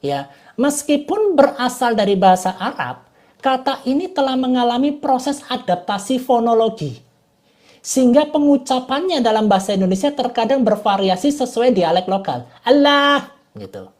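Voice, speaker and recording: A woman's voice: fairly high pitch, sing-song, normal speed, dark tone. A woman teaching an online class in a casual, chatty way, often checking that her listeners follow. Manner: chatty, repeats "gitu loh" and "Bapak Ibu".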